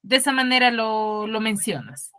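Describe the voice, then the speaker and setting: Peruvian lady from huaraz teaching over a video call, highish voice, keeps asking the class if they follow. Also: expressive, moderate pace, sharp tone. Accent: Peruvian Spanish from Huaraz. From Peru. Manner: checks in constantly with tag questions; questions students by name. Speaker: secondary school teacher. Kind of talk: online class lecture.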